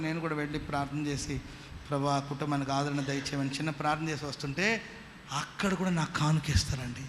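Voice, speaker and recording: A man with a Telugu accent preaching a sermon as pastor, firing rhetorical questions at the congregation and answering them himself. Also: on the high side. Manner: call-and-response preaching with rhetorical questions and repeated hallelujahs. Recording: long hall reverb with faint noise.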